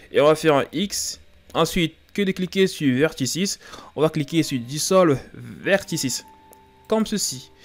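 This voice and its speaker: A man hosting a beginner 3D modelling tutorial, talking casually with fillers and self-deprecating jokes over a screen recording. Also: fairly high pitch. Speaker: Blender tutorial host.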